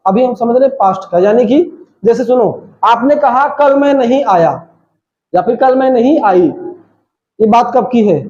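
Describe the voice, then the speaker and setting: An unusually high-pitched man teaches a grammar class, drilling example sentences and quizzing his students. The room is echoey. The recording is dull and lo-fi. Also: mellow. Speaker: spoken English teacher.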